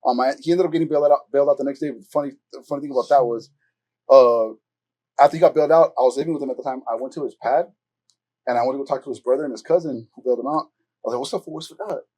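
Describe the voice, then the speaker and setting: A man hosting a podcast, telling a story in animated casual chat full of swearing and acted-out quotes. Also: medium pitch, racing, husky. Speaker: podcast host.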